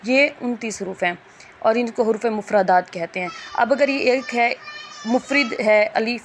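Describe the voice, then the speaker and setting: A woman's voice: fairly high pitch, a little hiss or hum. Patient woman teaching letter sounds. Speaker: Quran reading teacher. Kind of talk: Urdu lesson lecture.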